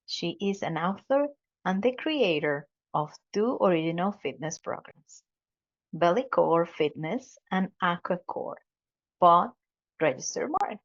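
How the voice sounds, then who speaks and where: A woman's voice: fairly low pitch, lively intonation, a little slow. Woman podcast host, formal and gushy, muffled lo-fi recording. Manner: formal, effusive introduction. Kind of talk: podcast interview hosting. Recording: dull lo-fi audio.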